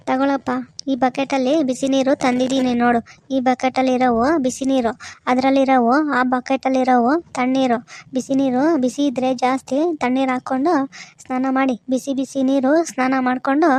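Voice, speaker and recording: A woman's voice: high voice, darkish tone, no room sound, natural voice. A woman voicing a bossy village mother. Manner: bossy, hurried, instructive. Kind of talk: cartoon voice acting.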